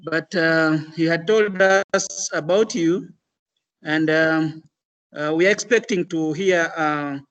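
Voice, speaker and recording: A man moderating an online session, introducing it in a halting, formal way. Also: on the high side, a bit bright, low-quality recording.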